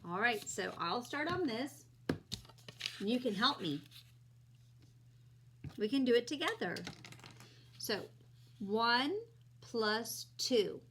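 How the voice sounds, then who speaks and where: A woman's voice: on the high side, lively intonation, takes it slowly, long pauses, background noise. A woman teaching young children like a kids' show host, explaining simply step by step and asking her listeners questions.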